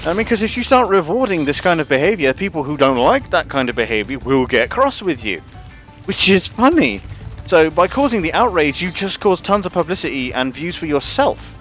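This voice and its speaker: A man's voice: a little high, big pitch swings, fairly quick, fairly bright tone, soft background music. A man ranting casually and profanely on a gaming livestream, rambling with lots of restarts. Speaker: gaming streamer.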